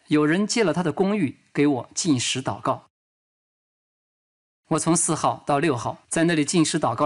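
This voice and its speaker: A man voicing a dubbed sermon as a preacher, telling his own testimony earnestly and reading scripture aloud. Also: fairly high pitch.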